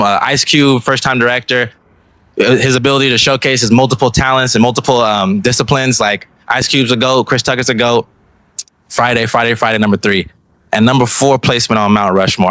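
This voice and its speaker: A podcast host from Los Angeles interviews filmmakers outdoors at a film festival, talking in a hyped, slangy, playful way. His mid-range voice is a bit bright, with no echo.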